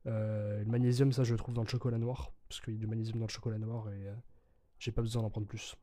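A man's voice: lowish voice, flat delivery, fast, dark tone, no room sound. A young man co-hosting a podcast in a casual chat, explaining things informally and correcting himself as he goes. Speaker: podcast co-host.

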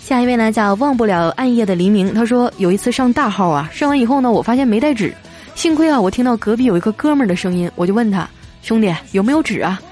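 Woman, fairly high voice, playful joke reader, faint music underneath. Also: expressive, fast talker, a little mellow. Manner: playful, laughs at punchlines. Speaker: host reading listener jokes. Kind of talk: casual joke reading.

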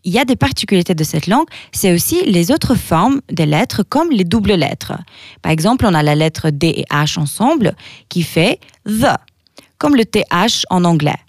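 Low-voiced woman teaching a language. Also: darkish tone, dry recording, studio quality. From Albania. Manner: slow, careful letter-by-letter pronunciation. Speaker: language teacher and podcast host. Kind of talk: scripted podcast lesson.

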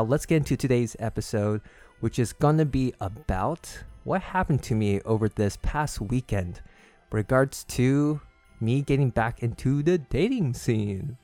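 Male podcast host, mid-pitched, chatty and confiding, dry sound with faint music behind. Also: dry recording. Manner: calm, unhurried at first, growing more animated. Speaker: host of a series. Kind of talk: casual solo podcast storytelling.

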